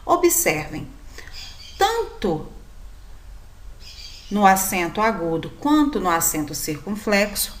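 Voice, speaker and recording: A woman teacher, giving a slow, clear, sing-song recorded grammar lesson for children. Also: mid-range voice, a bit bright.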